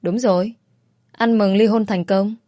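A woman's voice: mid-range voice, fairly even intonation, unhurried, mellow, no room sound, clean studio sound, lightly acted. A woman voicing a self-assured young man who teases the heroine. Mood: teasing.

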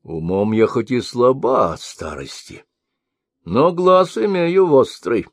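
A man's voice: big pitch swings, no echo, clean studio sound. A man reading an audiobook voices a cunning old crone who ferries travelers and mocks them. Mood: sly. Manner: high cracked wheedling old-woman voice, slow and drawn out. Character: cunning old crone ferrywoman, mocking and sly.

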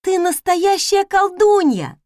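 A woman voicing a timid, excitable young maid with a breathless, eager manner. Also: sits high, measured pace, no echo, studio quality, voice pushed up. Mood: excited.

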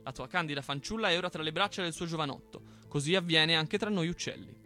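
Wise gentle mountain bird giving proverbs, a guy reading it, bright voice. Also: on the high side, fast talker, soft background music. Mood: advising.

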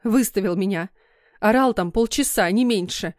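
A woman's voice: medium pitch, normal speed, darkish tone, no echo, clean studio sound, lightly acted. A woman voicing a weeping, distraught middle-aged mother who mutters through tears. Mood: tearful. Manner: tearful, muttering.

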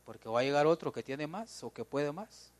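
A man preaching in a Guatemalan Spanish accent, his pitch leaping up and dropping low as he jokes with the congregation. His voice sits a bit high for a man, and he keeps calling his listeners brother. It is a lively church sermon. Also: fairly quick. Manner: lively, joking, talks straight to the congregation.

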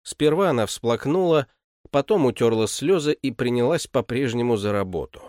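A man narrating a classic story as an audiobook reader, expressive and unhurried. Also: medium pitch, no room sound, clean studio sound. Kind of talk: literary narration.

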